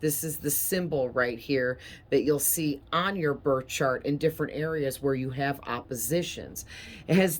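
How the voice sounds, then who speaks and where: Woman, tarot reader, low voice, unhurried, rambling with fillers, sinus-heavy breathing. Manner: rambling, chatty, with fillers and soft laughs. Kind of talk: casual tarot reading.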